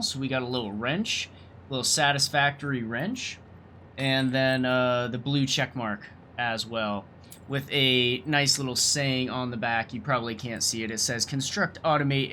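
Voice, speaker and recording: A man's voice: mid-range voice, bright, forceful tone, a little hiss or hum. A young man hosting a let's play, talking casually and enthusiastically, rambling a little and swearing now and then. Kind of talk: casual gameplay commentary.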